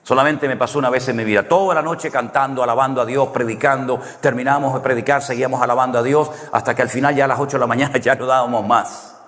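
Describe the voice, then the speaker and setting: A man's voice: mid-range voice, steady tone, quick pace, few pauses, fairly bright tone. A man preaching a conversational sermon, full of anecdotes, who often closes a point with a questioning "no?". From Canary Islands, Spain. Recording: long hall reverb.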